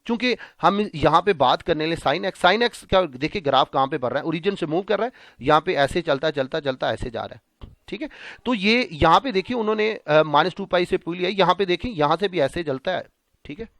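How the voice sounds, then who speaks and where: A man's voice: a little high, lively intonation, moderate pace, fairly bright tone, no room sound. Male math lecturer, dry sound. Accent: Pakistani Punjabi. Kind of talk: classroom lecture.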